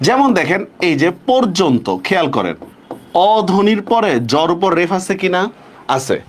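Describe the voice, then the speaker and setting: A man's voice: high voice, sing-song, moderate pace. A man teaching a live online class, repeating questions and checking often that students follow.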